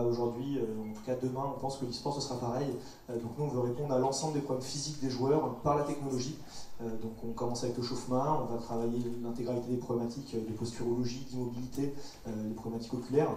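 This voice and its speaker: A man's voice: medium pitch, mellow, slight background noise. A man in his twenties from Paris, a startup founder telling his story on a panel in a chatty, joking way. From Paris, France. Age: 20s. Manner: chatty storyteller with light jokes. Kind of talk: casual panel talk. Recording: roomy hall mic from far off.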